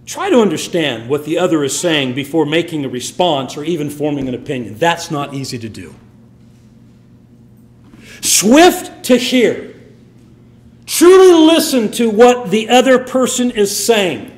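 A man's voice: fairly high pitch, expressive, moderate pace, hardly any pauses, a little mellow, reverberant. A man preaching a sermon with emphatic, swinging delivery. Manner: emphatic, rising and falling delivery.

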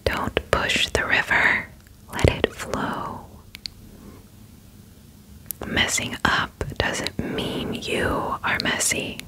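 A woman's voice: extremely slow, pauses often, poor audio. A woman whispering a soothing pep talk in the style of ASMR affirmations. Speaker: ASMR host.

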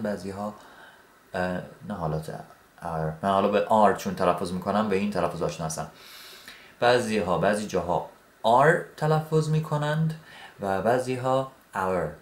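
Low-voiced man teaching, echoey room. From Iran. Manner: relaxed, repeats words, says "okay" often. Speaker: English teacher. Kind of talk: explaining grammar at a whiteboard.

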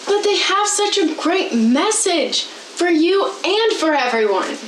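A young woman playing a cheerful talk show host with a bright presenter's delivery, in a church skit recorded in a small echoey room. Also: extremely high pitch, big pitch swings, slow, full character voice. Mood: chipper. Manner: bright presenter's delivery, earnest when explaining. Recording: echoey room with faint hiss.

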